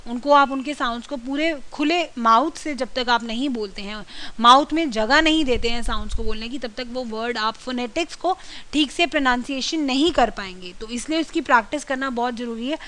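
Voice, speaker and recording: A woman lectures a communication skills class. Her voice sits high and sounds bright and crisp. She explains each point patiently, one step at a time. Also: a little fast, rough recording. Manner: explanatory, drills words with exaggerated stress. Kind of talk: classroom lecture mixing Hindi and English.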